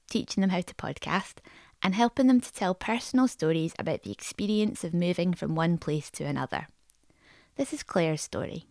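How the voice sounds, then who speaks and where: A woman's voice: on the low side, a little mellow, no echo, clean studio sound. A woman hosting a podcast, reading a scripted narration. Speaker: podcast host.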